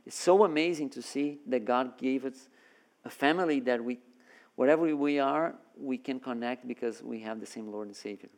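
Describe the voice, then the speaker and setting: A Brazilian man, a guest preacher who also works at a seminary, delivers a sermon at medium pitch and a moderate pace. He's earnest, restarting sentences and repeating words often.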